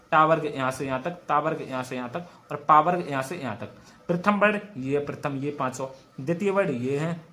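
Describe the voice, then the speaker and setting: High-voiced young teacher drilling mnemonics. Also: male voice, a bit bright. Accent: western Uttar Pradesh Hindi. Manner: repetitive, drilling mnemonics aloud. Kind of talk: exam-prep grammar lesson.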